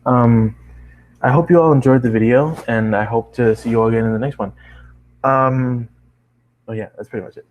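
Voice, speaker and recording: A man narrates fan fiction as an amateur voice actor, adding casual asides and apologizing whenever he stumbles. His mid-range delivery is fairly even at a normal pace with long pauses, and the recording sounds muffled.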